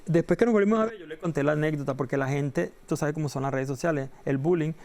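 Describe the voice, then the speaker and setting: A middle-aged man from Venezuela tells stories as an interview guest, his voice sitting a little high for a man. He acts out every character in his anecdotes, his pitch leaping up whenever he quotes someone. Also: a little mellow. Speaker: entertainment reporter, interview guest. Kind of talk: animated storytelling in an interview.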